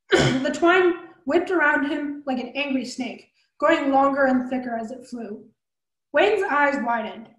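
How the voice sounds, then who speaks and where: A woman reading a fantasy novel aloud as a storyteller, brisk, with small slips and restarts. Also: high voice, animated, echoey room, slight background noise, low-quality recording.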